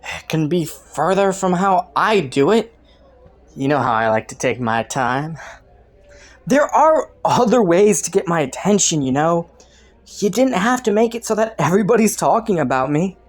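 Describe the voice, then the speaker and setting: A woman's voice: on the low side, big pitch swings. Woman acting flirty, swooping, teasing criminal Killua. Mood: taunting, coy. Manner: playful, taunting, coy, drawn-out mock innocence. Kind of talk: scripted roleplay audio, intimate monologue to the listener.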